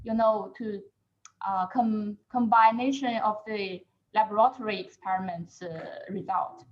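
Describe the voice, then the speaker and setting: A woman researcher answers questions on a video call in a second language, hesitating and leaning on fillers as she searches for words. Her mid-range voice has fairly even intonation and a measured pace, and the recording sounds muffled.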